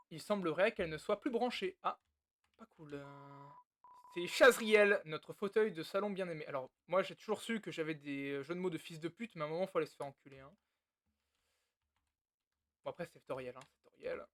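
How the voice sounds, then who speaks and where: A man's voice: a little high, moderate pace, pauses often, fairly bright tone, slight background noise. A man playing a video game, reading its text aloud with crude, joking, muttered asides. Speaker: let's play host. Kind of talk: casual game commentary and reading.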